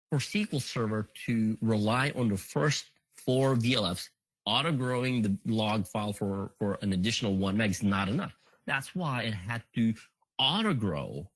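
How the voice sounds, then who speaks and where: A man giving a conference talk, talking through a live demo as he goes. His voice is bright and forward, and it rises and falls a lot. The sound is dry and close, with no room echo. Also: fairly low pitch. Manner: thinks aloud, counts items on screen, frequent fillers. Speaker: conference presenter. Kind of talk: live technical demo walkthrough.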